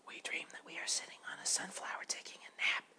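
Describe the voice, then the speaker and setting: A man voicing a group of gentle, habit-bound butterflies in a breathy whisper. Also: natural voice. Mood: hushed. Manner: breathy unvoiced whisper, soft and slow.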